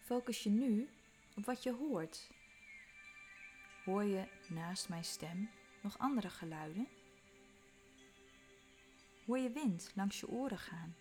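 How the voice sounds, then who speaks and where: Woman, calm meditation guide, unhurried delivery, faint music underneath. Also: mid-range voice. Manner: slow, calm, soothing instructions with soft whispered moments.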